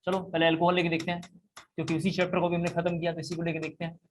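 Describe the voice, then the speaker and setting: A man's voice: a little high, monotone, rapid-fire, slight background noise. A man teaching a chemistry class, explaining step by step and repeating key points. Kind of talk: classroom lecture.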